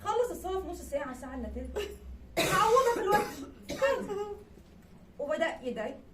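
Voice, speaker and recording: A young woman with an Egyptian accent telling a comic story at a live event, animated and laughing through her words. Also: very high-pitched, fast talker. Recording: echoey room, distant mic, background noise.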